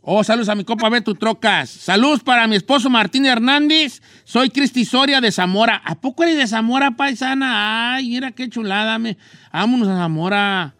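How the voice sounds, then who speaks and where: A man with a Mexican accent hosting a radio show, reading out listener shout-outs in casual, folksy slang. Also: extremely high pitch, normal speed, no room sound, studio quality.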